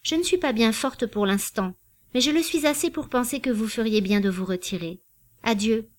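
A woman's voice: fairly high pitch, moderate pace, natural voice. A woman reading a reserved young lady. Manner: cool, guarded, polite. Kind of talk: audiobook reading.

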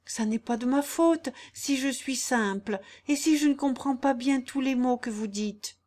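A tender young peasant girl, earnest and pleading, her phrasing plain and rustic, as a woman reader puts her on. The voice sits high and carries with a lifted, heightened urgency. This is storybook acting in an audiobook. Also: unhurried, a little mellow. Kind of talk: audiobook character reading.

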